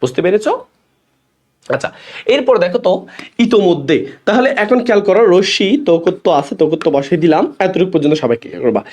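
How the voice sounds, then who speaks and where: Fast, lively Bangladeshi Bengali teacher. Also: male voice, high-pitched. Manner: explains step by step, often asks students questions. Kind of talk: classroom lecture.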